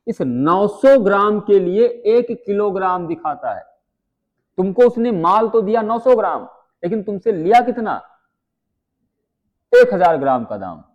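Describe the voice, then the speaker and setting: A man teaching maths, chatty and firing quick questions at his students. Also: high-pitched, a little mellow, lo-fi sound. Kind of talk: live online exam-prep class.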